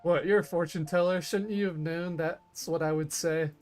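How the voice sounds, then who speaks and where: A woman's voice: fairly low pitch, steady tone, normal speed, a little mellow. A woman giving casual, playful live reaction commentary as a game streamer, joking along. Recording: game music behind the voice.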